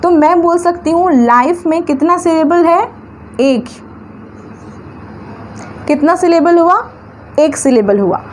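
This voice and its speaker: High-pitched lady teacher sounding out words slow, asks then answers herself, faint traffic noise. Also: expressive. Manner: breaks words into syllables slowly, asks and answers her own questions. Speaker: English grammar teacher. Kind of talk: classroom-style grammar lesson.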